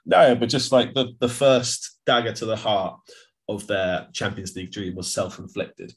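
A man's voice: fairly low pitch, fairly even intonation, normal speed. A man co-hosting a podcast, chatting casually about football, rambling with lots of restarts and fillers. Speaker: podcast co-host.

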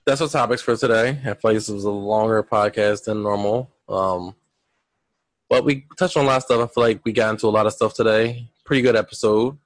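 A man in his thirties co-hosts a casual podcast in a laid-back manner, pausing often on ums. His voice sits fairly low. The sound is dry, with no room echo. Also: steady tone. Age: 30s. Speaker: podcast co-host. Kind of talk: casual chat.

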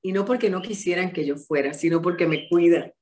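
A woman's voice: lowish voice, a little fast. A woman gives a testimony and sermon, telling her story vividly and acting out the dialogue. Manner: animated storytelling, acts out dialogue. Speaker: preacher.

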